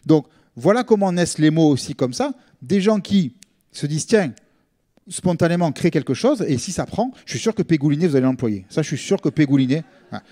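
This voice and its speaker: A man's voice: a little high, expressive, brisk, warm tone. A middle-aged man with a Marseille accent gives an informal lecture, explaining things conversationally as a linguist and often checking in with his listeners. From Marseille, France. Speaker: linguist giving a public talk.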